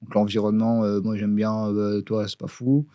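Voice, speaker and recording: A man's voice: on the low side, monotone, normal speed, dark tone, no room sound. A man co-hosting a podcast in casual chat, talking hesitantly with many fillers and restarts. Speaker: podcast co-host. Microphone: studio podcast mic. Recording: dry close podcast studio sound.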